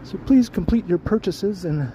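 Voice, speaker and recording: A man's voice: high-pitched, lively intonation, normal speed, slight background noise, voice pushed up. A man doing a rude store clerk's closing announcement. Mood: mock-official, rude. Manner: mock loudspeaker store announcement, turning insulting. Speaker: vlogger. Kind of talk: casual vlog while out running.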